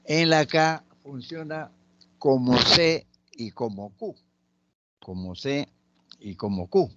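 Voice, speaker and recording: A man teaching a lesson on letters and sounds, slowly and patiently listing example words one by one. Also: medium pitch, fairly bright tone, no room sound, muffled recording. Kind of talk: spoken grammar lesson.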